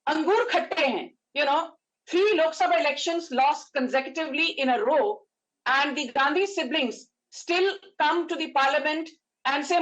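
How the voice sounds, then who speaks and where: A woman's voice: sits high, a bit bright, rough recording. A woman with an Indian accent arguing combatively as a political spokesperson, emphatic and repetitive, slipping Hindi into English. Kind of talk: combative TV debate argument.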